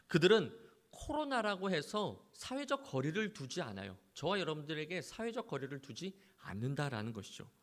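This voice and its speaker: A man's voice: on the high side, sing-song, normal speed. A male pastor delivering an emphatic sermon to his congregation, pressing his points with repeated exhortations.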